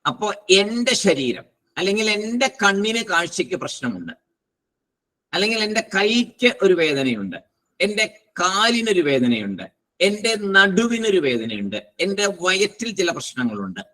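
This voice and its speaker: A man teaching a philosophy class, slow and deliberate, posing rhetorical questions and answering them himself. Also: high-pitched, very animated, bright, forceful tone, rough recording. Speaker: spiritual teacher. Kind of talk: Vedanta philosophy class lecture.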